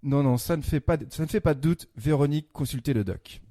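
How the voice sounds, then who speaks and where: A man's voice: on the high side, fast talker, warm tone, no room sound, clean studio sound. A man presenting a scripted comic music column as a mock-detective story, with punchy asides.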